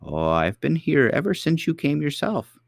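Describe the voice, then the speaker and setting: A man voicing a kindly, very old queen who is the girl's great-great-grandmother, speaking gently and patiently. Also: on the high side, big pitch swings, moderate pace, creaky, no echo, clean studio sound, voice pushed up, heavily acted. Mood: gentle.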